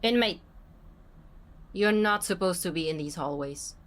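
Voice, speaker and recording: A woman's voice: lowish voice, a little slow, natural voice. A woman playing a strict, by-the-book prison officer in an audio roleplay, curt and authoritative. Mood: stern, reproving.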